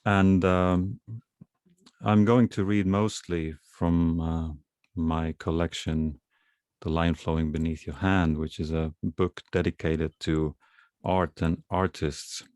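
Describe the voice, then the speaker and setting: Deep and flat, this man's voice is recorded at studio quality with no echo. He's an Estonian guest poet, Estonian by first language, talking casually before a reading in a calm, unhurried way full of pauses.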